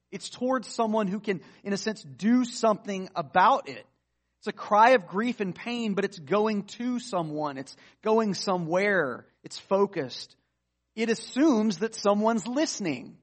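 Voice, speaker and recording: A man preaching an earnest, explanatory sermon, reading scripture passages aloud and unpacking them. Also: on the high side. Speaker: pastor. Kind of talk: sermon teaching.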